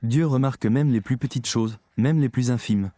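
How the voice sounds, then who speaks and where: A man delivers a sermon with emphasis, addressing the listeners head-on. His voice is dark and mellow, recorded dry and close with no room sound. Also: mid-range voice, normal speed, dry recording. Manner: emphatic, addresses the audience directly. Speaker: preacher.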